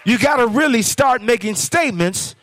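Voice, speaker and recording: A man's voice: very high-pitched, lively intonation, normal speed, fairly bright tone, a little hiss or hum. A man preaching a sermon as guest speaker, questioning the crowd and rising into sing-song phrases. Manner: call-and-response preaching, sing-song rises.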